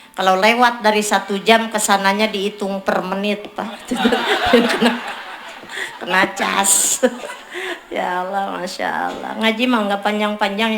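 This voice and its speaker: A woman's voice: mid-range voice, fairly bright tone. A woman preacher from Tangerang, giving a humorous sermon and teasing the crowd. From Tangerang, Indonesia. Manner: joking, teasing and bantering with the audience. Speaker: female Islamic preacher. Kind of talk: humorous religious sermon at a community celebration. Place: neighborhood religious gathering. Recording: echoey, noisy sound-system recording.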